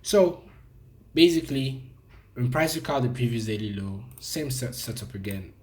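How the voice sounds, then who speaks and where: A man's voice: mid-range voice, expressive, normal speed, darkish tone. A man teaching forex trading in a loose, conversational trade review, full of fillers and restarts. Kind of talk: casual screen-recorded trade review.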